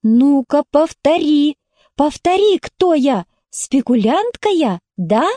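A woman reading an audiobook, voicing a quick-tempered seventeen-year-old village girl who shouts and scolds. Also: sits high, big pitch swings, dry recording, pitched above the performer's own voice, exaggerated voice. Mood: furious. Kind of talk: audiobook character voice.

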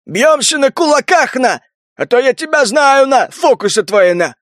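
A man voicing a hulking, hostile crocodile mutant gang boss who talks gruffly and picks fights. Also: very high-pitched, lively intonation, normal speed, a bit bright, no room sound, clean studio sound, pitched above the performer's own voice. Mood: challenging. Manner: gruff, belligerent, challenging.

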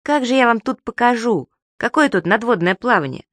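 A woman's voice: a little high, animated, normal speed, fairly bright tone, no echo, clean studio sound, pitched above the performer's own voice. A woman voicing a brash, boastful magical male creature with a teasing, theatrical manner in an audiobook. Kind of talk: audiobook character voice.

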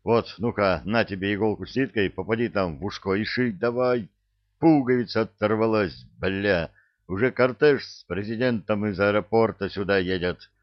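A man voicing a gruff, foul-mouthed middle-aged army general who shouts and curses at his son. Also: lowish voice, moderate pace, dry recording, close to an everyday voice. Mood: flustered. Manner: shouting, cursing, blustering. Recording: dull dry recording.

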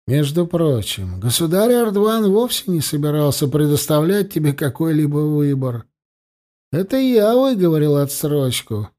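A man's voice: a little high, sing-song, moderate pace, warm tone. A man voicing a stern, cold, self-righteous male priest who acts as torturer. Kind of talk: audiobook character voice.

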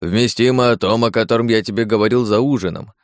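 A man's voice: fairly low pitch, fast talker, no room sound, studio quality, close to an everyday voice. A man voicing a boastful demon disguised as a big-headed Cossack, swaggering and persuasive in an audiobook. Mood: insistent. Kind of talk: audiobook character voice.

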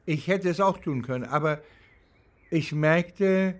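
An older East German man, a former professor, reflects on his life in an interview, his voice on the high side. He speaks haltingly, often stopping to search for words.

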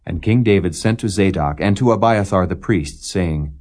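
A man reading scripture aloud in a measured, solemn way. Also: deep voice, a little mellow. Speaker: scripture reader. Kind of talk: scripture reading in archaic English.

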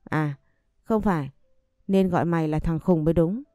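A vicious, sneering woman from an audio story, put on by a female narrator who spits contempt at her victim. Her voice sits low and dark, read close to the mic in a dry space. Faint music plays under her. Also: normal speed, dry recording, lightly acted. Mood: contemptuous. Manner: taunting, contemptuous.

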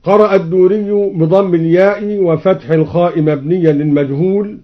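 A man from Egypt explains variant readings of scripture in a measured, precise way and chants each example slowly, heard on an old radio recording. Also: sits high, fairly even intonation, lo-fi sound. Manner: measured, precise, switching between plain explanation and slow chanting. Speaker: Quran reciter and teacher.

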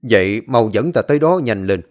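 A man playing a stern old exorcist who gives gruff, commanding orders. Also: fairly low pitch, animated, fairly quick, close to an everyday voice. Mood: calm. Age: older. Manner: commanding, scolding.

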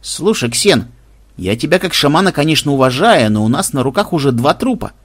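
A man reading an audiobook and voicing a gruff, grumbling man who commands a squad. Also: on the high side, big pitch swings, fairly quick.

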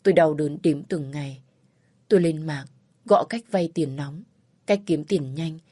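A woman narrating a first-person story in a slow, sorrowful read. Her voice is low, dark and husky, recorded dry and close, with faint music underneath. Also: dry recording.

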